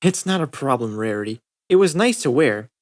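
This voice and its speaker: A man's voice: medium pitch, expressive, fairly quick, lightly acted. A man voicing a guarded, easygoing teenage girl in a casual, understated way. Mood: relaxed. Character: guarded, easygoing teenage girl, friendly but self-conscious.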